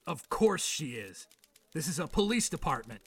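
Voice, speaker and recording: Gravelly, high-strung old-time police boss. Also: male voice, very animated, normal speed, a bit bright, no room sound, exaggerated voice. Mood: brusque. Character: exasperated, sceptical veteran police boss barking orders. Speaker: police commander. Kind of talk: audio drama acting.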